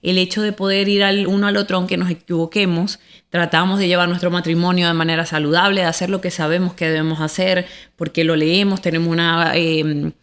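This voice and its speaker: A woman's voice: lowish voice, flat delivery, a little fast. A woman co-hosting a faith podcast, sharing an earnest, reflective testimony about her marriage in a casual way. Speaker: podcast co-host.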